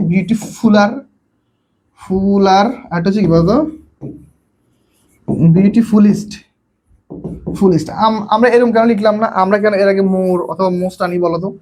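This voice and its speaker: A young Bangladeshi man teaches a live online English lesson at a rapid clip. His voice sits high, and he keeps asking his students the same question over and over. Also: darkish tone. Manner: quizzing students, repeats questions often.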